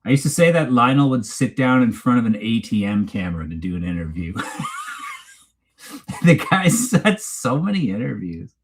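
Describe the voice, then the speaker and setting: This livestream host, a man with a Canadian accent, rambles and teases through a casual, unscripted chat while reading live comments. His medium-pitched voice is very animated at a moderate pace, with background noise audible.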